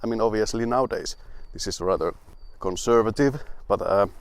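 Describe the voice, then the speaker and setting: Young male car reviewer, lowish voice, dry wit, rambling and grumbly. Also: brisk, dry recording. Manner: rambling, with restarts and asides.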